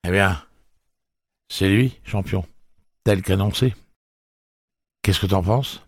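A man voicing a sardonic, nervous young man who speaks in quick quips. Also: low voice, slightly rough, no echo, pitched above the performer's own voice, full character voice. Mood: wry.

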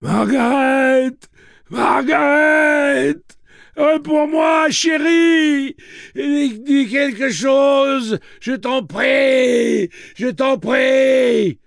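A man voicing a wounded, desperate farmer who calls out hoarsely for his wife. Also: very high-pitched, extremely slow, no room sound, studio quality, pitched above the performer's own voice, exaggerated voice. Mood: desperate pleading. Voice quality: hoarse, shouting.

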